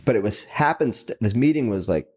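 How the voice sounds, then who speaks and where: A man, a company CEO, telling his career story as a podcast guest, quick and animated, acting out the voices of people he quotes. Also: fairly low pitch, breathy edge.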